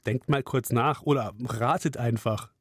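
A man's voice: medium pitch, unhurried, loud music behind the voice. A man hosting the quiz part of a children's audio show, chatty and friendly as he talks to the children. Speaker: quiz host.

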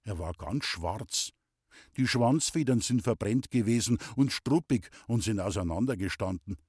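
A man's voice: on the low side, expressive, unhurried, darkish tone, husky, dry recording, studio quality. A man narrating a story in the first person with a playful, boyish manner and a light tinge. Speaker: audiobook reader.

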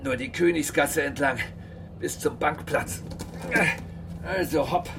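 A man's voice: fairly high pitch, slow pace, vocal fry, background noise. An actor playing a fussy male traveller who mutters to himself in an audio drama. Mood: muttering.

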